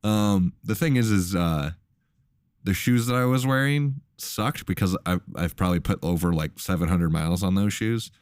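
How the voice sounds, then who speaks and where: A man's voice: low voice, normal speed, clean tone, no echo, clean studio sound. A young man hosting a casual podcast chat, laid-back and full of fillers. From Minnesota, USA. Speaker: host.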